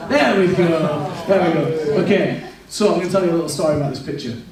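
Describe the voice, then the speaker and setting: Over a noisy crowd, a young church speaker with a fairly high voice shares a candid, self-deprecating testimony at a moderate pace, frequently restarting his sentences. The mic sits far off in an echoey church hall.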